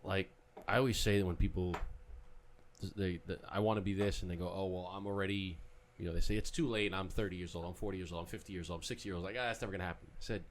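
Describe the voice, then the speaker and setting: A man's voice: deep voice, steady tone, fast, slight background noise. A man hosting a podcast, chatting casually and earnestly encouraging his guest. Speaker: podcast host. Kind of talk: casual conversation.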